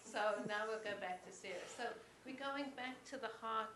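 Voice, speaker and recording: A woman with a fairly high voice passes along a question from the audience at a teaching. She speaks haltingly, searching for her words, and faint noise sits behind her. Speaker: moderator relaying audience questions.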